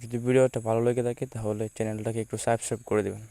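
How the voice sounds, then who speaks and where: A man with a Bengali accent teaching English word pronunciation, repeating each word slowly and deliberately. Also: on the low side, level tone, warm tone, no room sound. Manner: slow drawn-out repetition of example words. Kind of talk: pronunciation lesson.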